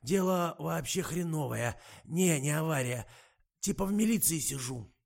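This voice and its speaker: A man's voice: a little high, expressive, a little slow, vocal fry, darkish tone, voice pushed up, heavily acted. A man voicing a grumbling, slangy middle-aged male driver in an audiobook, rambling and full of fillers. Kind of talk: audiobook character voice.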